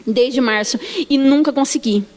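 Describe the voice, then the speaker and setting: High-voiced Brazilian woman giving a church testimony. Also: normal speed, darkish tone. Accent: Brazilian Portuguese. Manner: emotional storytelling that acts out dialogue. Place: church sanctuary. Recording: long church hall reverb.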